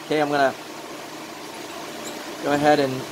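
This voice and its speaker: Talking at a moderate pace, a glassworking instructor with a somewhat high voice rambles through an informal hands-on demonstration, narrating each step to himself. Without dentures, his consonants come out soft and a bit mushy. Behind him runs a loud, steady engine-like drone.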